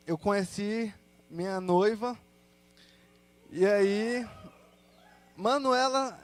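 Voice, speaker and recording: A young Brazilian man with a notably high voice shares his faith story before a congregation. He talks casually, full of slang, and breaks into quick quoted asides as he goes. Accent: Brazilian Portuguese. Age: young adult. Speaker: church testimony speaker. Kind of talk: personal testimony to a congregation.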